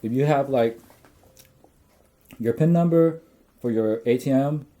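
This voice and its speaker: A man's voice: mid-range voice, unhurried, dark tone. A young man co-hosting a casual chat, joking and loose, full of fillers like "like" and "you know.". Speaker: co-host.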